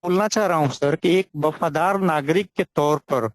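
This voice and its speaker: Student caller, male, slightly high voice, deferential, dry distant sound, bad connection cutting in and out. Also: normal speed, no echo. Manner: polite, deferential, hesitant. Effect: breaking-up online call connection. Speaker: student calling in to an online class.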